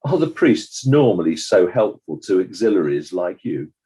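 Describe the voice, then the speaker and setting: A man with a low, husky, sing-song voice, warm yet exaggerated, plays a stern coroner in a scripted courtroom drama of an inquest. He questions witnesses in a formal, measured way, sounding sceptical and probing throughout.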